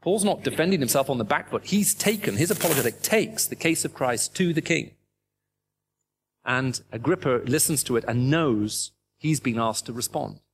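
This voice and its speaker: Man, British English accent, middle-aged, sermon, emphatic, rhetorical questions, medium pitch. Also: lively intonation, normal speed, a little hiss or hum. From raised in the Middle East. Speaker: preacher. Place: speaking to a live audience.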